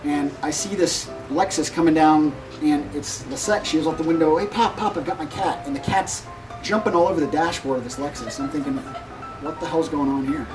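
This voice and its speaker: A man giving an unscripted graduation tribute, emotional and halting, with many pauses and fillers. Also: on the high side. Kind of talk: unscripted speech at a ceremony. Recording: voice a bit distant, music behind.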